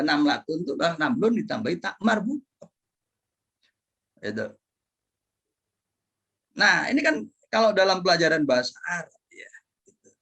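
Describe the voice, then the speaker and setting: A middle-aged male professor lectures in a slightly husky voice that sits a bit high for a man. His pitch swings widely, and he asks and answers his own questions playfully. He keeps dropping in Arabic terms and phrases. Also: sharp tone. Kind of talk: lively classroom lecture.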